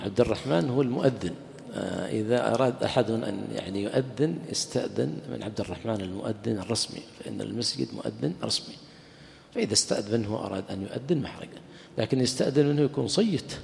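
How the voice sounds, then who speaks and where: In a mosque hall with a big-room sound, a sheikh with a gravelly, mid-range voice gives a conversational religious lesson at a quick pace. He asks rhetorical questions and answers them himself, now and then joking and laughing with his listeners.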